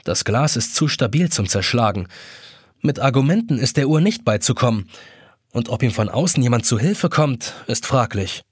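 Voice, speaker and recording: A man reading a children's story aloud, animated narration that acts out the characters. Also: medium pitch, normal speed, slightly rough, dry recording, studio quality. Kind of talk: expressive scripted story narration.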